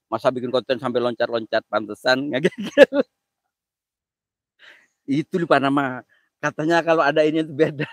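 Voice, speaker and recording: A man's voice: mid-range voice, a bit bright, no echo. A man hosting a live stream, joking around, laughing often and thanking viewers by name.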